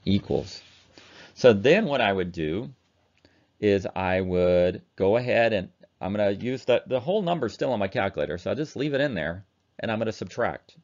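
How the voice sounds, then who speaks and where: A man's voice: lowish voice, darkish tone. A man teaching an online chemistry lecture, talking casually as he works through problems on a calculator. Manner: casual, chatty, talks while working calculator problems. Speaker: chemistry instructor. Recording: dull lo-fi recording.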